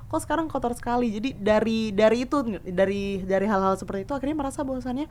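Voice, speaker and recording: A woman in her thirties from eastern Indonesia, a podcast guest telling stories in a lively, casual way and mixing in English words. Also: on the high side, quick pace, a little hiss or hum.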